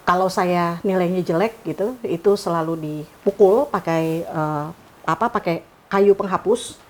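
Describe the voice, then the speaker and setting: Middle-aged woman guest, animated raconteur who acts out dialogue. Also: lowish voice, unhurried. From Indonesia. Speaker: writer, interview guest. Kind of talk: casual storytelling.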